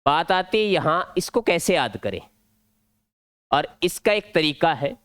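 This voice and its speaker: A man's voice: a little high, big pitch swings, measured pace, a bit bright, dry recording. A male teacher with a Rajasthani Hindi accent, explaining an exam-prep grammar lesson step by step at a board. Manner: step-by-step explaining, drilling points.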